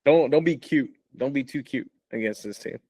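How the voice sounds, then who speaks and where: A man co-hosting a podcast chats about college football at a moderate pace, his mid-range voice dark in tone. The sports talk is loose, with stumbles, repeated words, and frequent bursts of laughter.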